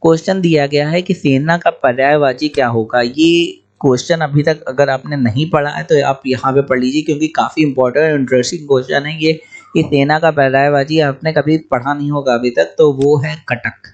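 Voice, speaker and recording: A young man teaching exam questions, explaining each answer briskly and repeating key points. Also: a little high, steady tone, muffled recording.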